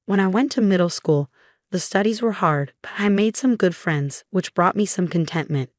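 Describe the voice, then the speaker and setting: A woman narrates a first-person story in a steady, even, scripted manner. Her voice sits fairly low, and the sound is dry and close with no room around it. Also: moderate pace, no room sound.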